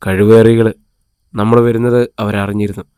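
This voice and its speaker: A man's voice: mid-range voice, normal speed, a little mellow, smooth, dry recording, clean studio sound, natural voice. A man reading a fierce, protective young village leader. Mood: bitter.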